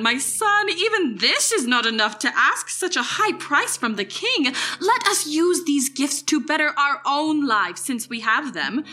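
A woman's voice: sits high, bright, forceful tone, exaggerated voice. A woman playing a poor, worried older mother with a fretful, pleading manner.

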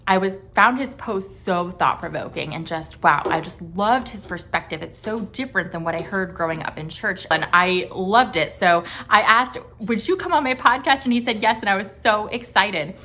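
A woman's voice: medium pitch, sharp tone, slight background noise. A woman hosting a podcast, introducing her guest in an effusive, gushing way with many "just" and "like" fillers, then asking him questions. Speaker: podcast host. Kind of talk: enthusiastic podcast introduction and interviewing.

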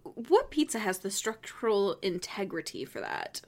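A woman's voice: medium pitch, wildly swooping pitch, vocal fry, darkish tone. Female podcast co-host, casual and chatty, easy laughter. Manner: chatty, giggly, quick asides.

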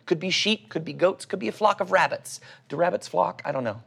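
Man, Oklahoma accent, slightly high-pitched, conversational sermon, teacherly, rhetorical questions. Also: animated, a little fast, vocal fry, fairly bright tone, slightly rough. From Oklahoma, United States. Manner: teacherly, asks rhetorical questions and answers them. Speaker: preacher. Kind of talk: conversational sermon with scripture reading.

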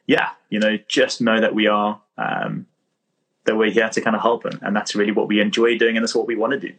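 A man's voice: lowish voice, brisk, creaky, a bit bright, slightly rough. A man with a thick South African accent, a chiropractor chatting casually as a podcast guest, modest and self-deprecating.

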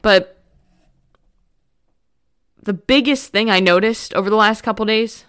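A woman's voice: mid-range voice, a little slow, a bit bright, clear, resonant tone. A woman hosting a podcast, talking candidly in a motivational monologue with a frank, emphatic, casual manner. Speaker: podcast host.

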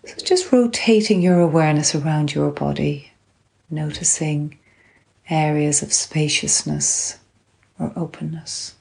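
A woman instructor calmly and gently guiding a grounding exercise, unhurried, with long pauses between phrases. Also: low voice, creaky. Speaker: guided relaxation instructor. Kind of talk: calm guided grounding exercise.

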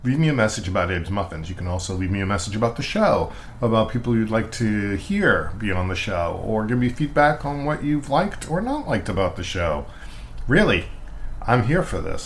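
With a fairly low, fairly bright voice and a little hiss or hum in the audio, this US podcast host talks in a chatty, enthusiastic way. He fills his speech with "uh" as he runs a casual interview and delivers his own ad reads.

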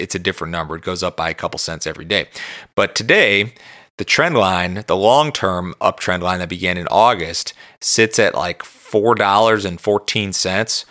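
Low, bright-voiced man, dry close sound. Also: dry recording. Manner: conversational, loosely phrased with self-repetition. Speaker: podcast host and market analyst. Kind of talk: informal chart commentary.

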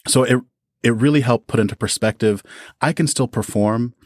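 Recorded with studio quality and no echo, a medium-pitched man talks at a normal pace. As an audio drama creator appearing on a podcast, he gives relaxed, thoughtful answers about his art.

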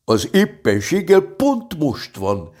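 A man reading a storybook, voicing an eager, impatient little male teddy bear who chatters excited questions. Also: a little high, voice pushed up.

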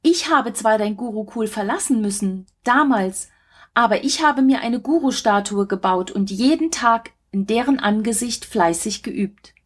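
A woman's voice: on the high side, lively intonation, a little slow, slightly rough. A woman voicing a devoted young male forest archer who speaks humbly and earnestly to his teacher.

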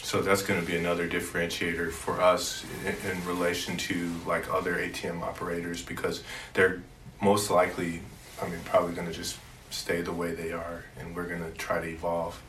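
Young man, student, low and monotone, heard from across a roomy space. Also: a little hiss or hum. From South Korea, raised in Oklahoma. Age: young adult. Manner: measured, uses "like" often. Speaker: student entrepreneur. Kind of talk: casual interview answers. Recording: roomy, distant mic.

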